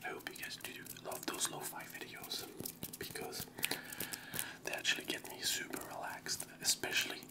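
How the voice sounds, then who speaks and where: Young guy whispering right up on a tiny mic, fast aggressive lofi asmr host style. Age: young adult. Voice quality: whispered, unvoiced. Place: small indoor room at home. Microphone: small earphone mic held close to the mouth.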